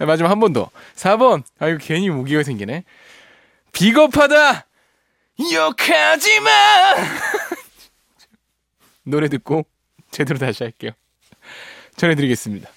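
A male radio host runs a music quiz from the studio, joking his way through listener texts. His pitch swings widely and sits a little high. The sound is close and dry. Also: animated, a little fast, no echo. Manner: playful, laughs often, strains voice singing a line.

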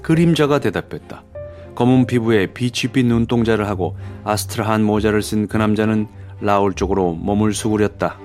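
A man narrating an audiobook in a steady, even storytelling manner. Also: lowish voice, normal speed, faint music behind.

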